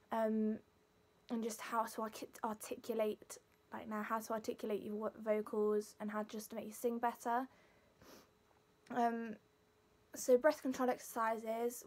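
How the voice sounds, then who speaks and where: The voice belongs to a young woman: fairly high in pitch, with a darkish tone. A singing student with a Leicester accent, she walks through vocal warm-up exercises on camera in an informal way.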